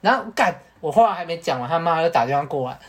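Podcast co-host, man, Taiwanese Mandarin accent, slangy and animated storyteller. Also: fairly high pitch, quick pace. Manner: animated, slangy, peppered with Hokkien swearing. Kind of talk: casual storytelling.

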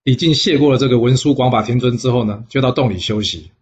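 A man telling a classic legend in a folksy way, often pausing on fillers. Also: mid-range voice, a little hiss or hum. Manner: folksy, with frequent filler pauses. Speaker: storyteller. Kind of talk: storytelling narration. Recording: slightly dull lo-fi recording.

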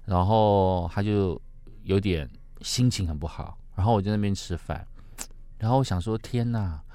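A man's voice: low-pitched, normal speed, dark tone, no room sound. A man co-hosting a podcast, telling a personal story in casual chat and acting out the quoted lines. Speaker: podcast co-host.

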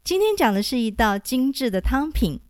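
A woman teacher hosting a storytelling show, narrating a scripted story in a measured, clear, gently expressive way. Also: fairly high pitch, dry recording, clean studio sound.

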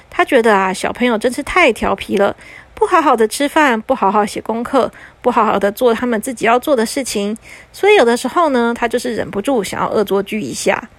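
A woman narrating a bedtime story for children in a gentle, lilting way. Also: a little high, animated, no room sound. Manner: gentle, lilting with drawn-out particles.

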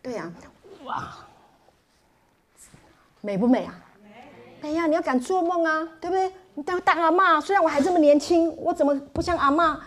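Middle-aged woman preacher, bright high register, playful and humorous from the pulpit. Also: normal speed, pauses often. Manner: playful, joking, animated storytelling. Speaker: pastor. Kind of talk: sermon.

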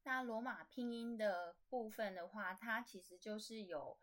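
Woman host, Taiwanese Mandarin accent, relaxed teaching delivery with slow repeated demo sounds. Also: medium pitch, very noisy. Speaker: podcast host teaching language. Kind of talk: casual spoken lesson.

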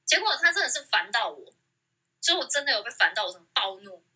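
Chatty woman, bright and a bit breathy, animated storytelling, muffled rerecorded audio. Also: on the high side, quick pace. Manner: animated storyteller, acts out quoted lines. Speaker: podcast co-host. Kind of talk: casual chat, telling a story. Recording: muffled re-recorded audio from speakers.

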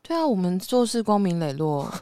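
A podcast co-host with a Taiwanese accent, chatting casually in an animated, teasing way. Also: medium pitch, a little fast, clear, resonant tone, dry recording, clean studio sound. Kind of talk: casual chat.

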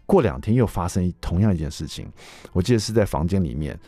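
A man in his thirties hosting a radio talk show, telling a story casually in an animated way, with a loud, ringing voice. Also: low voice, fast talker, dry recording, faint music behind. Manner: animated, acts out the quotes he tells, with a loud, ringing voice. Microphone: studio mic.

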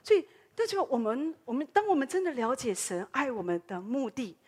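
A middle-aged woman pastor with a Taiwanese Mandarin accent preaches in a church, turning her sermon into a lively story. Her voice sits fairly high and has a husky, breathy edge. She keeps the talk casual and often tags her lines with a little "ha". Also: a little fast.

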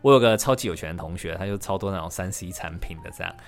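Low-voiced man. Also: very fast, creaky, faint music behind. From Taiwan. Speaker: podcast host, interviewee. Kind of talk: podcast interview.

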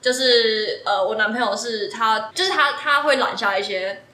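A woman's voice: on the high side, normal speed, bright, forceful tone. A young woman, co-hosting a podcast and telling a dream in rambling casual chat, full of fillers and laughing often. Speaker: podcast co-host. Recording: echoey room with faint noise.

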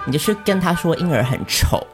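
Young female co-host, low but animated voice, dry teasing humor over background music. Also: brisk. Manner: teasing, blunt jokes. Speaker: podcast co-host. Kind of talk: casual chat.

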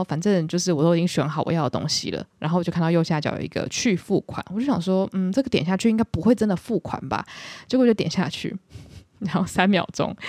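Fast-talking woman. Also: on the low side, dry recording, clean studio sound. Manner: animated, self-mocking storyteller. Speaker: podcast host. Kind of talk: casual solo storytelling.

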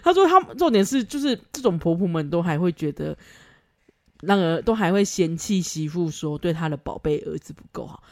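Woman host, pitch that swings widely, frank and foul-mouthed, quick to laugh. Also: animated. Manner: blunt, swears freely, laughs often. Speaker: podcast host. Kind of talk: casual advice chat.

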